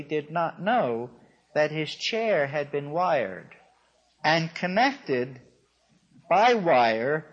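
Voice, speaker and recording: A man's voice: a little high, fairly bright tone. A man giving a storytelling lecture to an audience, in a wry, dryly amused way. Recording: dull lo-fi recording.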